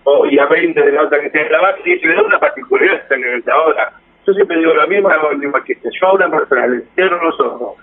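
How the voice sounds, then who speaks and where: Argentine man, fairly high voice, husky, rambling, phone-like radio sound. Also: quick pace. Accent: Argentine Spanish. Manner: rambling, with many restarts. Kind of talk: casual conversation.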